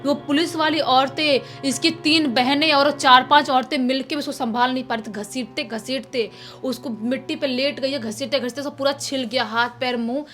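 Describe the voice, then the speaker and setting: A woman tells a horror story in a casual, chatty way, circling back over her words as she goes. Her voice sits high, and soft music plays faintly underneath. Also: moderate pace. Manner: chatty, repetitive, animated retelling. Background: faint background music.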